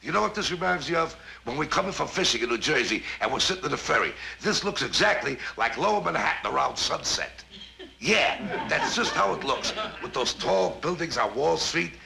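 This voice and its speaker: An actor playing a good-natured, bumbling police officer, eager and excitable. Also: male voice, a little high, brisk, gravelly, exaggerated voice. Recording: hissy old TV soundtrack.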